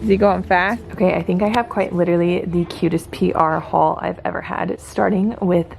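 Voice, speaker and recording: A woman's voice: fairly low pitch, fairly even intonation, a little fast, gravelly, a little mellow. A woman vlogging casually from home as a stay-at-home mom, gushing and full of "like" fillers. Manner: gushing, filler-heavy talk. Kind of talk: casual vlog chat.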